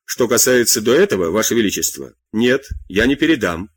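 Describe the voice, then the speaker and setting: Calm court doctor, audiobook, male reader, husky and dry. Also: fairly low pitch, brisk, no room sound. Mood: courteous.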